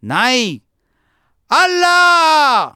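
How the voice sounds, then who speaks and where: A man's voice: very high voice, huge pitch swings, very slow, bright, forceful tone, no echo, clean studio sound, pitched above the performer's own voice, heavily acted. A man voicing a fierce, burly man in his thirties who bellows commands in fury, in an audiobook reading. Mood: furious. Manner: bellowing commands at full force.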